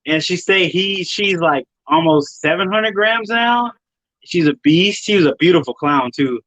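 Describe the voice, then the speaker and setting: A man from Wisconsin, a guest on a casual chat, talking in a relaxed, rambling way and correcting himself. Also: sits high, measured pace, dry recording, poor audio. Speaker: guest, snake breeder and podcaster.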